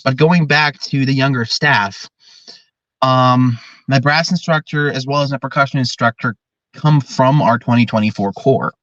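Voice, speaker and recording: A young man in his early twenties talks earnestly and at length about running his organization. His voice sits at an ordinary pitch. The recording is dull and dry, with no room around it. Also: normal speed, fairly bright tone, dry recording. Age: 20s. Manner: earnest, talkative, explains at length. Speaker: drum corps director. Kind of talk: podcast interview.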